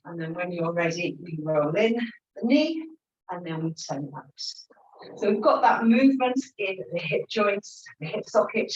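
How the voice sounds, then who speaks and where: A woman's voice: lowish voice, expressive, moderate pace. A woman leads a Pilates class, encouraging the group as she counts reps and cues each breath in and out. Her voice carries a roomy echo and sounds a little dull and muffled. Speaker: Pilates instructor. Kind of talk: guiding an exercise class.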